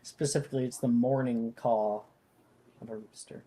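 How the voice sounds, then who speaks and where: A game master narrating a tabletop fantasy game, describing scenes in a halting, improvised way. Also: medium pitch, steady tone, warm tone.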